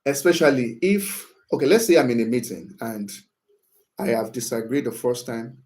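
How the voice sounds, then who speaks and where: Speaking at a normal pace in an animated, somewhat mellow mid-range voice, this workplace communication speaker explains how to disagree respectfully. He keeps asking "right?" and performs sample phrases more energetically.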